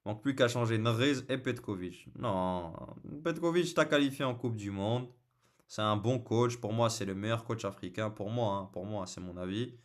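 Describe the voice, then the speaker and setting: Host, male, lowish voice, halting filler-heavy live-stream football chat, jokey banter. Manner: hesitant, many fillers and repeated words; joking, casual banter with viewers.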